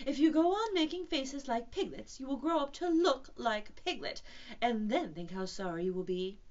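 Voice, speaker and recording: A woman's voice: on the high side, big pitch swings, unhurried, fairly bright tone, lo-fi sound, voice pushed up. A woman voicing a motherly kangaroo in a children's story, soothing and cheerful yet teasingly firm. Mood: mock-severe. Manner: soothing, cheerful, mock-severe.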